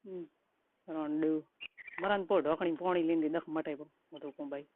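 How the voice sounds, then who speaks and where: Over a tinny, noisy recorded phone line, a middle-aged woman scolds a relative with advice in a private, colloquial conversation. She has a rural Rajasthani Marwari accent and a deep voice, speaking at a normal speed with fairly even intonation.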